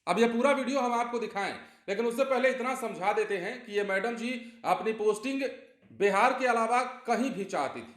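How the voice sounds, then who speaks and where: A man's voice: extremely high pitch, a little fast, a bit bright. A man presenting a news report with commentary, emphatic and repeating phrases for effect. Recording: roomy echo.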